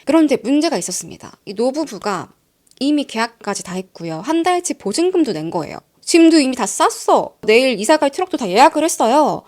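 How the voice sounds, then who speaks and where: A woman's voice: high voice, sing-song, fairly quick, darkish tone. A woman hosting a storytelling channel, telling a true-crime story in a chatty way and addressing her listeners directly. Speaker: storyteller host.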